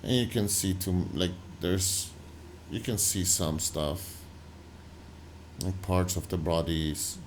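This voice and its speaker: A man hosting a reaction video, talking loosely and haltingly over footage he is watching. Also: low-pitched, a little hiss or hum. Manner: loose, halting, full of "like" and restarts. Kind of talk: casual commentary over footage.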